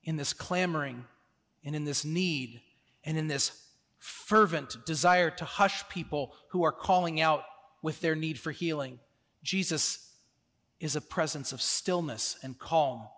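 A man preaching a sermon as pastor, earnest, moving between soft, slow stillness and loud, insistent emphasis. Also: on the high side, big-room sound.

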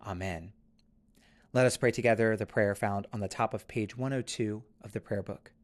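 A man officiating a church service, reading scripture and reciting prayers in a measured, formal way. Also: fairly low pitch, steady tone.

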